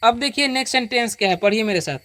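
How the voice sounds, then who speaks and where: This patient teacher, voice medium-pitched, animated, bright and forceful, guides a beginner through reading by pronouncing English words slowly, one after another, for repetition and checking comprehension throughout. There's no echo.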